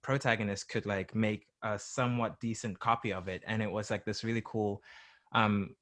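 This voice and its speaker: A man's voice: fairly low pitch, steady tone, normal speed, a bit bright. A young man, a musician guest, from England and South Africa, talking casually in a rambling way with many fillers and restarts. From born in England, grew up in South Africa. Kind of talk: casual interview chat.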